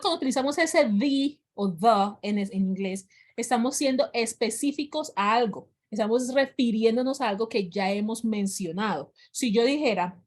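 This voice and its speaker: A woman's voice: medium pitch, a little mellow. Patient woman teaching an English class. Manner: patient, repeats examples slowly. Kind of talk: online class explanation.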